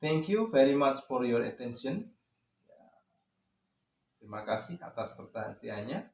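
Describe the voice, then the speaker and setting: Male teacher, Indonesian accent, slow unhurried delivery, quizzing class in two languages, echoey classroom. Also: medium pitch, sing-song, creaky, a little mellow. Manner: mixes English and Indonesian, asks class questions. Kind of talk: classroom English lesson.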